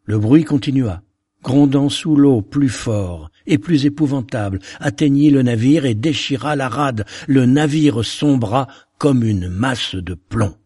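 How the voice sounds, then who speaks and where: A man reading a narrative poem aloud in a solemn, measured way. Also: mid-range voice, warm tone, breathy edge, dry recording, clean studio sound.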